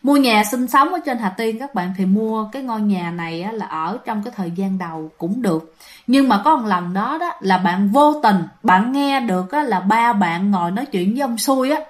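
A woman's voice: medium pitch, normal speed. A woman with a Southern Vietnamese accent telling ghost stories in a chatty, casual way, often addressing her listeners directly. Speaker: ghost story narrator. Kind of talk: casual spoken storytelling.

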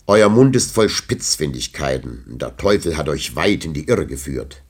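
A man's voice: rumbling low, sing-song, normal speed, slightly rough, heavily acted. A man voicing a stern old nobleman who lectures in a solemn, sermonizing way in an audiobook. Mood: lecturing.

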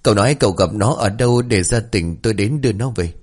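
A man's voice: lowish voice, normal speed, darkish tone, breathy edge. A man voicing a distraught middle-aged mother who pleads urgently for news of her daughter. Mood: anxious.

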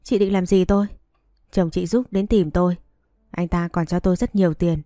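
A woman reading the lines of a brazen young mistress who taunts loudly. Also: fairly low pitch, steady tone, normal speed, no echo, clean studio sound, close to an everyday voice. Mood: taunting. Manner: taunting, brash.

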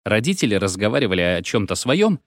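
A man reading a story aloud in an expressive storybook narration. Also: fairly low pitch, fast talker, dry recording, clean studio sound. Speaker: audiobook reader.

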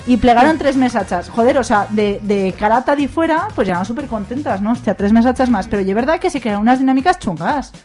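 A woman's voice: on the high side, animated, fast, few pauses, a little mellow, soft background music. A woman with an Aragonese accent, talking on a radio panel in a rambling, emphatic way. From Aragón. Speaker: radio show guest. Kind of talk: casual roundtable chat.

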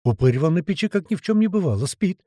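A male audiobook narrator telling a first-person story with a lively, swinging pitch and a colloquial, expressive delivery. His voice is warm and mellow, recorded dry and close. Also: fast talker, no room sound.

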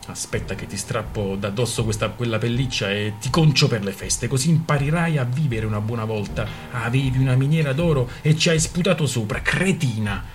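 A man's voice: medium pitch, fairly quick, hardly any pauses, soft background music, natural voice. Man doing a grumpy greedy dad, mean and mocking, bossy as heck, read-aloud story. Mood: scornful. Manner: harsh, mocking, domineering. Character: gruff, scornful, greedy older father. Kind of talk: audiobook reading.

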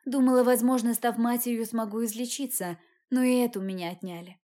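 A woman's voice: on the high side, steady tone, a little fast, mellow, natural voice. A woman voicing a despairing, injured young woman in a read-aloud story, anguished and emotional. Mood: bitter despair.

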